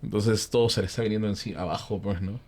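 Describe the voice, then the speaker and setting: A Peruvian man with a somewhat low voice narrates a ghost story in a casual panel chat. He is an animated storyteller who acts out the characters' lines, and he often uses fillers and tag questions. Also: quick pace. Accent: Peruvian Spanish. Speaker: panel guest telling ghost stories.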